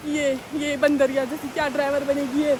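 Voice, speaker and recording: Young woman vlogger, high voice, casual and self-mocking, phone mic outdoors with light traffic noise. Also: little pitch movement, normal speed, darkish tone, poor audio. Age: young adult. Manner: chatty, self-mocking, dramatic. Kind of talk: casual vlog talk. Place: outdoors on a road.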